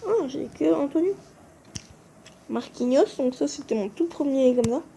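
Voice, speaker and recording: This gaming creator's high, gravelly yet mellow voice has lively intonation and a slightly slow pace. Commenting casually over game footage, she falters on names and corrects them often, captured via phone screen recording with slight background noise.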